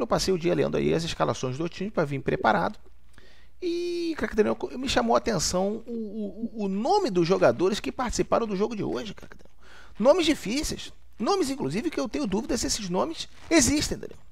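Man playing a stammering clumsy sports pundit, gravelly voice, high and lively pitch, comic co-host. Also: fairly quick, exaggerated voice. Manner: stumbles and stammers over each name. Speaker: comedy show co-host.

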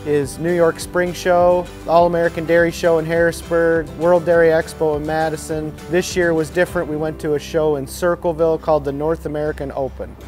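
A man's voice: a little high, flat delivery, fairly quick, hardly any pauses, music in the background. A man in his thirties who looks after show cows, explaining his work in a barn in a plain, friendly way. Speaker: show cow caretaker. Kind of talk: casual explainer to camera. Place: large indoor barn.

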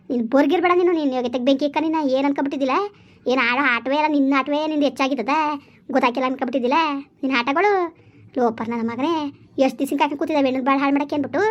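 A woman playing a shrill furious village mother. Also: natural voice. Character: furious village mother scolding her grown son. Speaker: actor in a village comedy drama series. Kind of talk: rural comedy drama acting. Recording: dull lo-fi recording.

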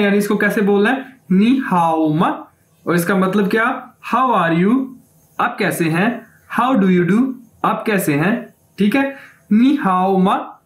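A man teaching a language lesson, stretching out each new word slowly and quizzing the viewer with questions he answers himself. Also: sits high, reverberant. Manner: slow drawn-out repetition of words; asks the viewer questions, then answers them. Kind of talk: classroom lesson explanation.

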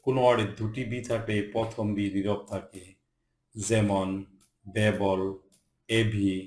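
A man teaching English pronunciation, reading word lists slowly, one word at a time, with short rule explanations. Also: lowish voice, fairly even intonation, darkish tone. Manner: slow, deliberate word-by-word drilling. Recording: echoey room.

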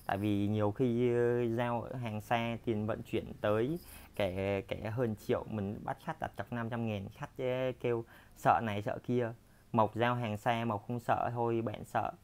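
Walking around his workshop with a handheld phone, a man chats his way through a sales tour of his furniture. His voice is medium-pitched, steady and unhurried, though he repeats himself a lot and uses plenty of fillers.

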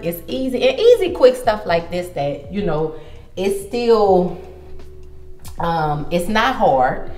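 Give me a deep-voiced woman giving a casual home tour in an echoey hallway. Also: darkish tone. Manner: chatty, loose, lots of fillers. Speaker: home vlogger. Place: large house hallways, indoors. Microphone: handheld camera following her. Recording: echoey hallways, faint music.

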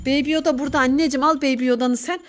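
A woman in her thirties, a mother hosting a playful family vlog, talking in an excitable, mock-frightened, teasing way. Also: sits high, very fast, heavy background noise.

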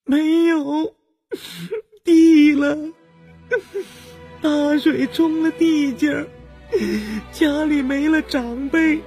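A man reading an audiobook voices a poor peasant boy who is crying and wails his words in a high, strained voice. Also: level tone, very slow, pauses often, darkish tone, dry recording, soft background music, full character voice. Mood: sobbing, desperate. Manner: high strained wail, drawn out.

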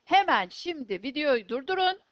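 A woman teaching an English vocabulary lesson, slowly and clearly pronouncing each word twice for students to repeat. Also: sits high, sing-song, no room sound, muffled recording.

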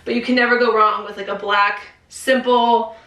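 A young fashion vlogger chats casually about her clothing haul in a fairly bright, high-ish voice, keeping a level tone and moderate pace with lots of "like" and "um." She sits far from the mic in a half-empty, bare room that echoes.

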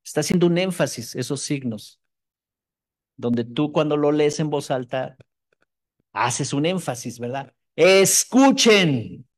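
Man preaching an emphatic sermon, high voice. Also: darkish tone. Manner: emphatic, repeats phrases for emphasis, shifts from fast asides to slow stressed words. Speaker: pastor.

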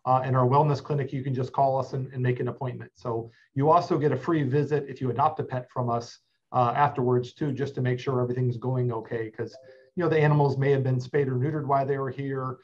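Give me a man in his forties calmly explaining things on a video call, slightly muffled sound. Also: medium pitch, quick pace. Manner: steady, informative, many "uh" fillers. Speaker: animal shelter representative. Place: office with plain wall.

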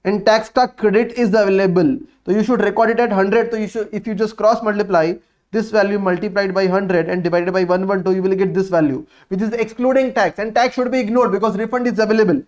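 A man with a distinctly high-pitched voice and a North Indian accent teaches exam technique. He speaks English as a native Hindi speaker, mixing in Hindi words. His delivery is instructive, with key phrases repeated and questions he puts to himself. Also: fairly even intonation, fast, a little mellow. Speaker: accountancy teacher. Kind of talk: lively classroom exam coaching, working through problems.

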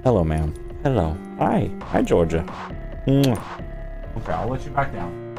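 Animated low-voiced male streamer. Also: a little slow, vocal fry, music in the background. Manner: animated, jokey, talks to pets and chat. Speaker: streamer and voice actor. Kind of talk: casual livestream chat. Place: at home, indoors.

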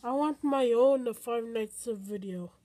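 A woman talking casually in an improvised home video, halting often, with many fillers and restarts, recorded on a phone camera. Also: on the high side, warm tone.

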